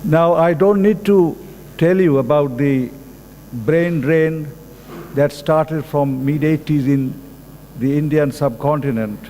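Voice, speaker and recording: An older man from Bangladesh with a Bangladeshi English accent, giving a formal academic address at a conference in a slow, halting, deliberate way. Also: a little high, dark tone. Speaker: conference speaker. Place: conference hall. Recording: echoey hall with faint background noise.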